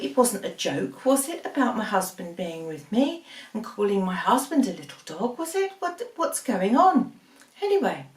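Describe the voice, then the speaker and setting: A middle-aged woman, hosting an art vlog, chatting through a funny story and a painting demo in a lively, self-mocking way. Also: medium pitch. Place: room at home. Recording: roomy echo, mic at a distance.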